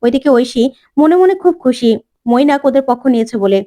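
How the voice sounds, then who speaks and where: A woman briskly narrating a recap of a TV serial episode. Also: high voice, mellow. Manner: brisk storytelling.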